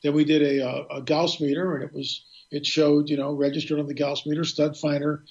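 A man's voice: on the high side, level tone, fairly quick, darkish tone, muffled recording. A man, a guest filmmaker, telling a long story in casual radio talk, rambling and restarting often.

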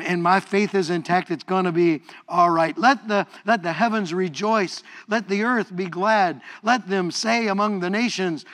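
Leading his congregation in call-and-response praise, a middle-aged male pastor preaches with playful energy and frequent repetition of words. His voice is high.

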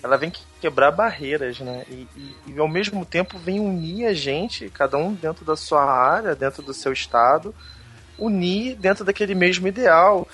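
A man's voice: a little high, lively intonation, normal speed, fairly bright tone, soft background music. A man with a Rio de Janeiro state accent, talking casually as a podcaster. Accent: Rio de Janeiro state Brazilian. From Niterói, Rio de Janeiro state, Brazil. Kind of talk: casual chat.

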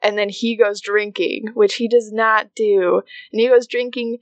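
A woman's voice: medium pitch, measured pace, no echo, muffled recording. A woman co-hosting a casual podcast, talking through a drama recap with frequent laughs and acted-out lines from the characters. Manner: animated, laughs often, acts out characters' lines. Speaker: podcast co-host.

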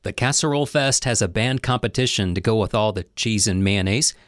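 A man narrates a comedy story in a wry, easygoing manner. His voice is fairly low, and the sound is dry and close. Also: fairly quick, no room sound.

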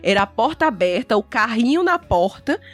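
Casting: a woman with a husky, fairly high voice, emphatic and confiding, faint music underneath. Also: big pitch swings, moderate pace. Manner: emphatic, confiding, often addressing listeners as "gente". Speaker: podcast guest or host. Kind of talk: casual chat.

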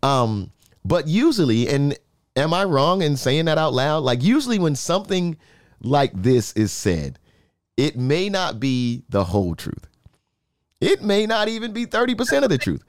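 A man's voice: a little high, big pitch swings, a little slow, dry recording, studio quality. A man co-hosting a sports talk show, speaking emphatically and often checking in with "right?". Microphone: in-ear monitor, studio.

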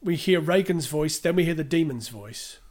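A man co-hosts a casual podcast with a voice that sits a little high. He talks in a chatty, storytelling way, walking through film scenes and stopping to read out listener questions. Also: expressive, moderate pace. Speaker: podcast co-host.

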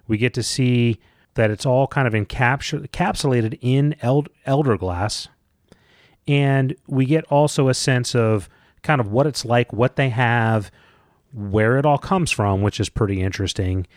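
A man's voice: medium pitch, unhurried, dry recording, clean studio sound. Joking man co-hosting a book podcast. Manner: jokey, bursts into silly sing-song bits. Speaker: podcast co-host. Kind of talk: casual book discussion.

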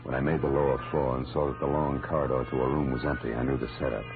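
With a rumbling low voice, level tone and fast delivery, the American lead narrates as a hard-boiled private eye in an old 1940s-50s radio detective drama. He sounds clipped, sardonic, wry and tense, heard through a muffled vintage recording with music.

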